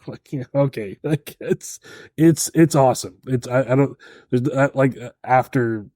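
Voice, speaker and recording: Rambling male co-host with a mellow voice. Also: medium pitch, no room sound, studio quality. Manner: rambling, halting, many restarts. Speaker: podcast co-host. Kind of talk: casual podcast chat.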